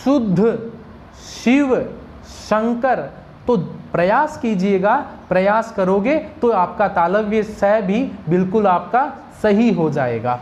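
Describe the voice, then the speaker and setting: A woman teaches Sanskrit pronunciation in a medium-pitched, animated, slightly mellow voice at a measured pace. She drills single sounds one at a time and answers her own questions to the class.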